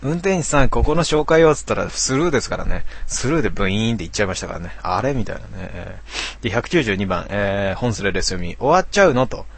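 A man's voice: fairly low pitch, lively intonation, fast talker. A man streaming a game, reading chat comments aloud and making jokey muttered asides.

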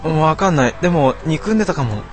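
A man's voice: fairly high pitch, expressive, a little fast, soft background music, pitched above the performer's own voice, close to an everyday voice. Man doing a quirky young woman's voice. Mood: blunt.

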